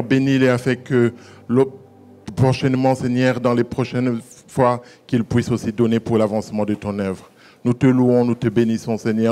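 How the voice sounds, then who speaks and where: A man's voice: mid-range voice, dark tone. A man saying a spoken prayer over the church offerings, calling out to the Lord between phrases.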